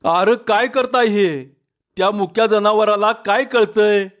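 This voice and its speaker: Man doing a young village man, hoarse, pleading, raised voice, muffled lo-fi storybook recording. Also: sits high, sing-song, normal speed, fairly bright tone, voice pushed up. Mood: frantic. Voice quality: hoarse, choked with feeling. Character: young village man Tatya, frantic and tender.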